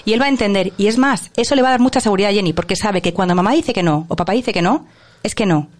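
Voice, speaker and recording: In an interview conversation, a woman who is an author and workshop leader emphatically explains her ideas about parenting. Her mid-range voice moves very fast.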